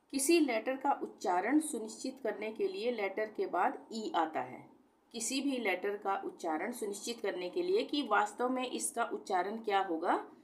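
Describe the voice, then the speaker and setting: A woman teaching on her own channel, explaining spelling and pronunciation rules step by step, repeating each example word and asking rhetorical questions. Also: mid-range voice. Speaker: language teacher. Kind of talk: explaining lesson.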